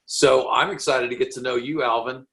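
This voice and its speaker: A man's voice: mid-range voice, fairly even intonation, normal speed, fairly bright tone. Eager male interview host. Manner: enthusiastic, restarts sentences often. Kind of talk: casual interview.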